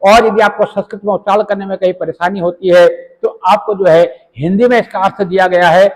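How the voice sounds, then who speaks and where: High-voiced man teaching devotional practice. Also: fairly even intonation, brisk, in a large hall, low-quality recording. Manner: rambling, repeats "jo hai" fillers, recites Sanskrit mantras. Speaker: religious teacher. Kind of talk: devotional instruction.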